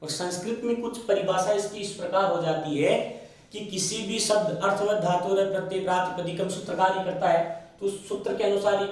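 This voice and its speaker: A man's voice: sits high, steady tone. A man with a Rajasthani Hindi accent teaching Sanskrit grammar in a classroom lecture, posing questions to himself and answering them, stretching out key sounds. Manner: asks and answers his own questions, slows on key sounds. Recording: very echoey room, mic far off.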